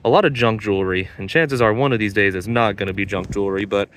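Holding his phone outdoors at the beach, a young metal detecting vlogger talks casually and speaks straight to his audience. He has a lowish, slightly bright voice and a quick pace, and there's a little hiss or hum.

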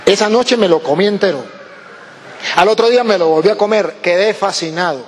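High-voiced Venezuelan priest telling a story. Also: male voice, a little fast, in a large hall, a little hiss or hum. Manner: animated, acts out quoted voices. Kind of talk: storytelling testimony.

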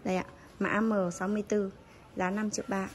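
A woman's voice: medium pitch, level tone, quick pace. A woman giving a casual, polite sales walkthrough as a seller, listing items and prices to customers while filming on a handheld phone. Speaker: bicycle seller. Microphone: phone held while filming. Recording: noisy handheld phone recording.

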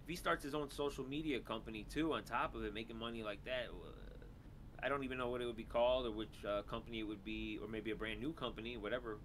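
A man's voice: medium pitch, fairly even intonation, fast talker, fairly bright tone, a little hiss or hum. A man co-hosting a casual chat, talking loosely with many hesitant fillers.

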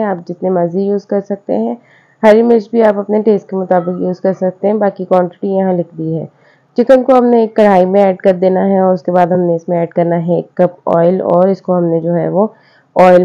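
A cooking channel host voices over her recipe footage, friendly and patient, walking through each step in a chatty, repetitive home-cook style. Her voice sits at a medium, mid-range pitch, and the recording sounds slightly dull and lo-fi.

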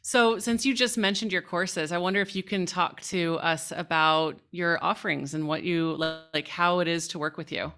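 Lady podcast host, low-ish but really bright voice, upbeat and encouraging. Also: fairly even intonation, normal speed, few pauses, smooth, faint music behind. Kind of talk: podcast interview.

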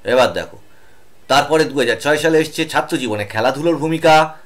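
A man's voice: a little high, expressive, brisk. A man teaching an online exam-prep lesson, reading out lists of essay topics year by year and stopping to explain, with fillers between items.

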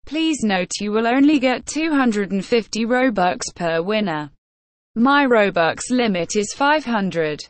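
A woman's text-to-speech voice reading a scripted giveaway announcement as a gaming channel host, flat and synthetic. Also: mid-range voice, no echo.

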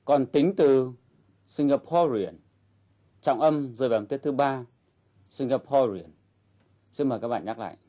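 Male lesson host, mellow and calm, explanatory delivery. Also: medium pitch, quick pace, few pauses. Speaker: English teacher host. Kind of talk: instructional narration.

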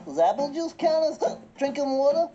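A grumbling, sarcastic cartoon pal. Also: female voice, high voice, big pitch swings, normal speed, dark tone. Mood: matter-of-fact. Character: grumpy, stubborn cartoon pal with hiccups. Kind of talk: comedy sketch acting. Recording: slightly dull audio with music behind.

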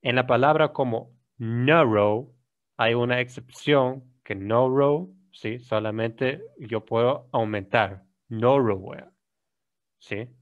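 A man with an Ecuadorian Spanish accent teaching an English grammar lesson, explaining in Spanish, reading examples slowly and often checking "¿sí?". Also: medium pitch. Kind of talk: recorded classroom lesson. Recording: dull lo-fi recording.

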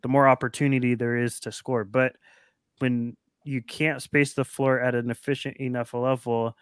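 A man's voice: medium pitch, little pitch movement, moderate pace, clear, resonant tone, dry recording, studio quality. A man talking basketball on a podcast video call, thoughtful and explaining at length with frequent restarts. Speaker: podcast co-host. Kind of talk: casual sports talk. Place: home room on a video call.

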